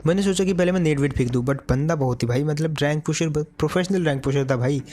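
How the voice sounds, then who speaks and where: Fast-talking man narrating gameplay. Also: on the high side, dark tone, slight background noise. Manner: chatty, addresses viewers as brother. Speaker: gaming YouTuber. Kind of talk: gameplay commentary.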